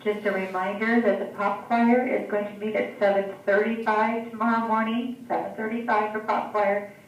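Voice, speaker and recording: A woman making school announcements over the intercom, repeating key details in a brisk manner. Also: medium pitch, flat delivery, far from the mic, a little hiss or hum. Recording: echoey loudspeaker heard from across a classroom.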